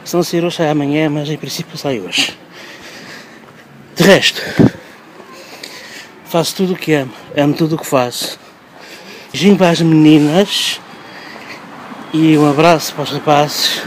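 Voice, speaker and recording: A man's voice: on the high side, moderate pace, pauses often, a little hiss or hum, poor audio. A man in his thirties with a European Portuguese accent, chatting upbeat to his phone at arm's length outdoors on a street. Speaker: vlogger. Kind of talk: casual vlog.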